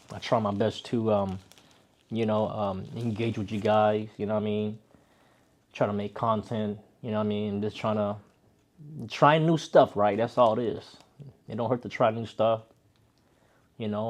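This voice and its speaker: A vlogger with a lowish, slightly mellow voice chats casually to his viewers on camera. He rambles loosely and often checks in with "right?".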